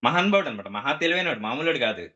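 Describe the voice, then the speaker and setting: A man's voice: a little high, expressive, racing, pushed and bright, muffled recording. A man telling a comic story to a group, acting out the characters' quoted lines.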